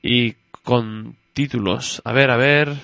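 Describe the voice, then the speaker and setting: A man's voice: medium pitch, steady tone, slow, gravelly, sharp tone, dry recording, exaggerated voice. A man reading a story aloud and voicing a curious, chatty little girl who keeps questioning her father. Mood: innocent curious.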